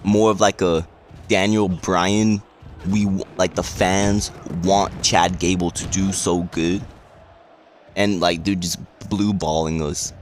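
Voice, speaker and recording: A man vlogging in a rambling, excitable rant full of swearing. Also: deep voice, slow, a little hiss or hum. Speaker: wrestling vlogger. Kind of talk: casual vlog rant.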